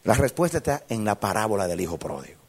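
A preacher voicing God as a calm father. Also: fairly low pitch, fast talker, breathy edge. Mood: calm, fatherly.

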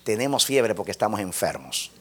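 A man's voice: fairly low pitch, very animated, brisk, a bit bright, breathy edge. A man preaching a sermon, teaching step by step and asking the congregation to repeat phrases after him. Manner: spells out points step by step like a lesson.

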